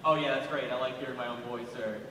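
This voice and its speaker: A man's voice: medium pitch, steady tone, fast talker, background noise. A man in the audience asking a panel a question, hesitant with many fillers. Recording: echoey hall from far off, crowd.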